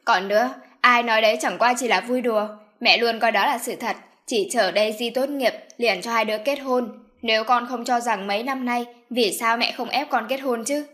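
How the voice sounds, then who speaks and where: A stubborn, scheming middle-aged mother who won't take no for an answer, read by a woman narrator. Her voice sits fairly high and comes across loud and commanding in this audiobook. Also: normal speed, few pauses, natural voice. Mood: insistent. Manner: insistent, commanding. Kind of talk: audiobook character voice.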